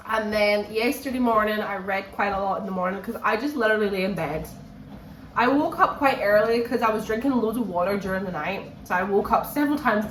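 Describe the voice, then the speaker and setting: Slightly worn out by a cold, a woman talks casually to camera for her reading vlog, repeating phrases to stress her points. She has a medium-pitched, fairly bright voice, recorded in an echoey room with faint noise behind her.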